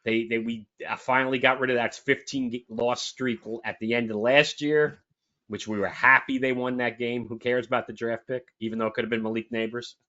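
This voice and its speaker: A man's voice: mid-range voice, flat delivery, brisk, bright, forceful tone. A man co-hosting a sports talk show, chatting casually and emphatically with lots of restarts. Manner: rambling, emphatic, frequent restarts. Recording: dull lo-fi audio.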